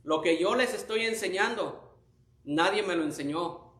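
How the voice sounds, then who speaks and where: A man voicing the apostle Paul in the first person, telling his story slowly and with fervent emphasis. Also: high-pitched, a bit bright. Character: the apostle Paul, adult man, earnest and awed. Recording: roomy echo.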